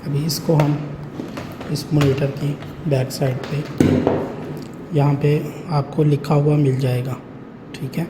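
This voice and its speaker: Taking it slowly and pausing often, a man with a slightly high voice and level tone guides viewers through an intercom installation. It's a casual, step-by-step, hands-on demo full of check-in phrases, captured in a clearly noisy room.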